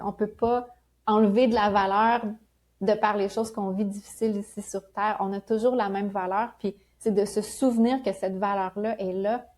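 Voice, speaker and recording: Québécois woman, spiritual guest, mellow warm tone, gentle and reflective. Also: mid-range voice. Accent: Québécois French. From Quebec. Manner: gentle, reflective, laughs often. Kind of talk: casual conversational interview.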